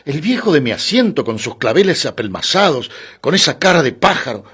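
A man's voice: fairly high pitch, sing-song, fairly quick, a bit bright, slightly rough, pitched above the performer's own voice, exaggerated voice. A man reading a tense, protective young passenger who speaks insistently.

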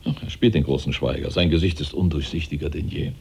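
In a German radio play, a man voices the embittered, suspicious head of a revolutionary government, sounding formal, aggrieved and dramatic. His husky, dark, very deep voice moves fast and is heavily acted, carrying a bitter, anxious mood.

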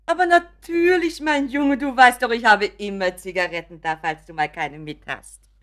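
A woman's voice: on the high side, normal speed, fairly bright tone, lightly acted. An actress playing an anxious, doting mother of a grown son in a radio drama, pleading and fretting, often sinking to a whisper. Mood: doting, worried. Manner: pleading and fretful, drops to whispers.

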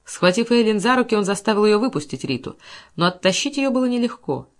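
Brief: female audiobook narrator, expressive, dramatic delivery of classic fiction. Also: medium pitch, quick pace.

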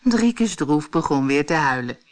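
A Dutch woman reading a children's fairy tale aloud with expressive storytelling. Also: low-pitched, measured pace. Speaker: audiobook reader. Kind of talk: scripted children's story narration.

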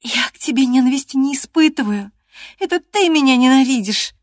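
A proud, stubborn young woman, as a female audiobook reader puts her on presses her point in a high, insistent voice. The recording is dry and close, with no room sound. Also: moderate pace, darkish tone, no room sound, lightly acted. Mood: tearful.

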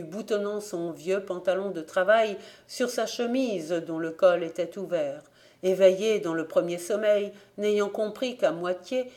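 A woman narrating an audiobook of a classic novel as a volunteer reader, reading in a steady, measured literary way. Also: on the low side.

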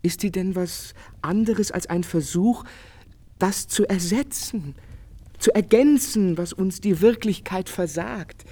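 In a literary radio drama, an actor voices a world-weary, melancholy artist, speaking eloquently and earnestly with theatrical phrasing. His male voice sits high with a dark tone, fully in character.

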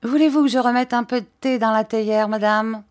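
A woman's voice: on the high side, steady tone, fairly quick, a little mellow, pitched above the performer's own voice, lightly acted. A woman reading an audiobook voices a fussy, fawning older landlady who simpers her offers. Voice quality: obsequious, simpering.

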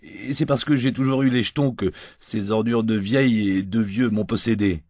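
A man's voice: lowish voice, normal speed, a little mellow, no echo, clean studio sound, voice pushed up. A man reading the part of a tipsy, crude, washed-up gigolo who rambles in coarse slang and whines. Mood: self-pitying. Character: washed-up male gigolo, crude, drunk, self-pitying.

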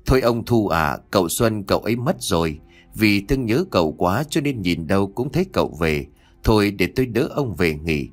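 Male storyteller for a horror audiobook: low, dramatic, widely swinging pitch. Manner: dramatic, expressive reading. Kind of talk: scripted horror story narration.

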